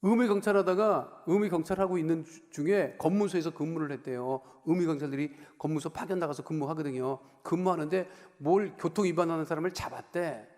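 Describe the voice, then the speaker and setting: A man preaching a sermon as pastor, talking conversationally, putting questions to the congregation and moving between raised emphasis and quiet asides. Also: a little high, brisk, hardly any pauses. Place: church sanctuary. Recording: long reverb of a large church hall.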